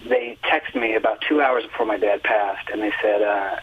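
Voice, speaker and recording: A man in his fifties, a singer and music teacher, tells long, earnest stories packed with fillers during a relaxed phone interview. His voice sits on the low side with a breathy edge, and his pace is normal. Heard over the telephone, the line sounds tinny.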